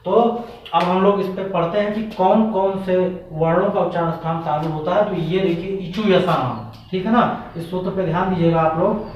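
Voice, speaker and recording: A man gives an exam-prep grammar lesson in a patient, repetitive way, asking questions and then answering them himself. His voice sits a little high and comes from some distance off the mic. The room is very echoey and the sound is dull. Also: moderate pace, slight background noise. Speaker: Hindi grammar teacher.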